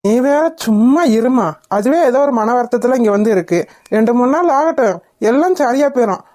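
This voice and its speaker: A woman playing a mellow, soothing cartoon father. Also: fairly high pitch, animated, fairly quick, no echo, studio quality, natural voice. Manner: soothing, pleading. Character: soft-hearted middle-aged father. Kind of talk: cartoon voice acting.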